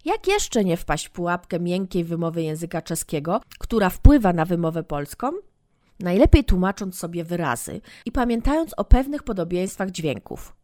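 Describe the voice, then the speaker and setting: A woman teaching as a language instructor, giving a clear, deliberate scripted lesson and carefully demonstrating pronunciation. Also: fairly low pitch, very animated, mellow, no room sound, studio quality. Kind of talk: scripted educational narration.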